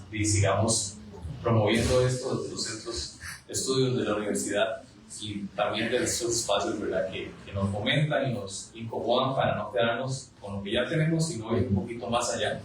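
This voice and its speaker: A man's voice: lowish voice, steady tone, normal speed, noisy background. A man from southern Costa Rica with a Costa Rican accent, speaking as a panelist with frequent hesitations and repeated words. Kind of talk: panel discussion remarks. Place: historic house, event room. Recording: echoey room from far off.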